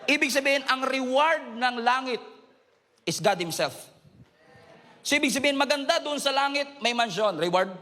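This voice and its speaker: A middle-aged man preaching an animated sermon to a congregation, rising to near shouts and urging listeners, in a large church hall. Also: extremely high pitch, moderate pace. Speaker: pastor. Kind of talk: sermon mixing Filipino and English. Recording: long reverb of a church hall.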